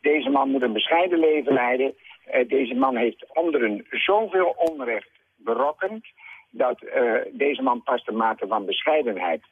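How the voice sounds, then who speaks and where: A man's voice: medium pitch, animated, measured pace, slightly rough. A man calling in to a radio show over the phone. He speaks formally and sounds indignant. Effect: phone-in caller on a radio show. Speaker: caller. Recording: tinny phone line.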